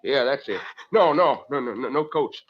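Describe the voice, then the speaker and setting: In an old-time radio drama, a man plays a surly, evasive American farmer and father, muttering terse fragments and barking orders in a panicked mood. His mid-range voice is natural and animated, at normal speed. The old radio recording is muffled and noisy.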